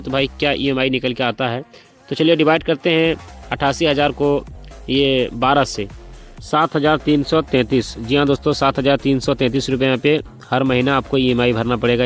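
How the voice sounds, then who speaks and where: Guy going thru bike finance math fast, repeats every number, chatty with viewers, faint music under it. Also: mid-range voice. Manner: repetitive, walks through sums step by step, addresses viewers as brothers and friends; speaking slowly and deliberately by choice. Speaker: motorcycle finance explainer. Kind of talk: casual explainer vlog.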